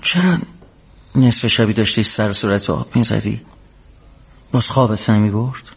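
A man's voice: lowish voice, fairly even intonation, gravelly, breathy edge. A man dubbing a caring young man who speaks to his partner in a soothing, reassuring way. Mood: gentle. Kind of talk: dubbed film acting.

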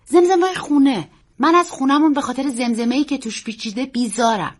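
A woman's voice: high voice, pitched above the performer's own voice. A woman voicing an earnest, secretive young boy who talks in an urgent, pleading way. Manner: urgent, pleading, quick and excited.

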